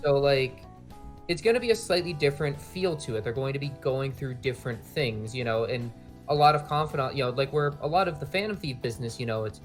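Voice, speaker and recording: A man with a mid-pitched voice chatting loosely in a casual debate. He piles up fillers and drops the odd swear word, with faint music under him. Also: a little fast.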